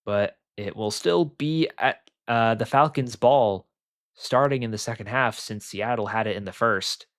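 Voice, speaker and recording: A young man doing live play-by-play commentary on an online football game, excitable and rambling, with lots of filler words. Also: mid-range voice, unhurried, dry recording, clean studio sound.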